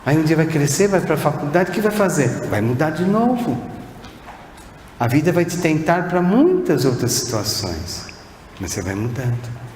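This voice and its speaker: A Brazilian man giving a spiritist lecture, posing one rhetorical question after another and sometimes speaking softly to a single listener. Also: a little high, very animated, normal speed. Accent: Brazilian Portuguese. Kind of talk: sermon-like lecture. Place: spiritist center hall. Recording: echoey hall with faint background noise.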